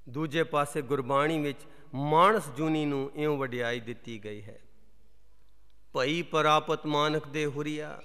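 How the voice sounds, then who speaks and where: A man giving a sermon, reciting scripture verses in a slow chant and explaining them between the verses. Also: a little high, bright, forceful tone, smooth. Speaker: Sikh preacher. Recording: long hall reverb.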